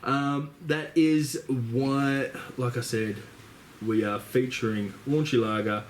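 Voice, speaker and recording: A man's voice: medium pitch, takes it slowly. Young aussie guy hosting a podcast, laid back and rambly, lots of ums, bit of hiss underneath. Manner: relaxed, rambling with fillers. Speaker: podcast host. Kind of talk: casual chat.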